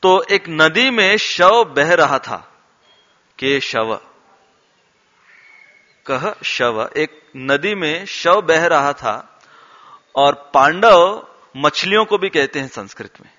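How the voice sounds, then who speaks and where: A man giving a devotional talk, telling stories in an animated way and acting out the quoted lines. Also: fairly high pitch, takes it slowly. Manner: animated storyteller, acts out quotes and laughs along. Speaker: temple speaker. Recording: dull sound with long hall reverb.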